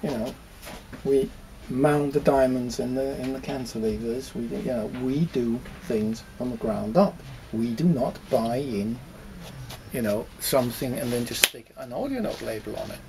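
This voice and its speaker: Amid background noise, an older man who founded an audio company gives a rambling factory tour in a large indoor warehouse with shelving, recorded on a camera mic. His mid-range voice is gravelly at a moderate pace, and he keeps restarting and gesturing with his hands.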